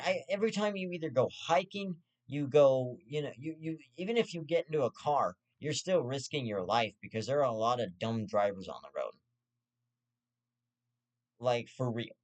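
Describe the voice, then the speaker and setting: Young male host, profane rambling rant, stammers and restarts, half-serious. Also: medium pitch. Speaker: host of his own commentary show. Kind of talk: ranting casual commentary.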